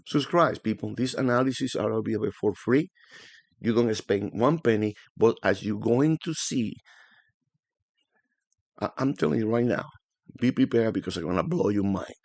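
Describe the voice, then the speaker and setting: A man whose first language is Spanish, speaking with a thick Spanish accent, hosts his own channel and talks through market charts in a chatty, animated way full of fillers. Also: on the low side, gravelly, no echo. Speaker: forex analysis channel host. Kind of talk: casual market commentary to camera.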